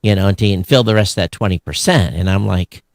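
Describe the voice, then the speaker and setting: Low-pitched and creaky, a man talks fast on his podcast, recorded dry with clean studio sound. He hosts in a casual, emphatic way, frequently playing out both voices of a made-up conversation.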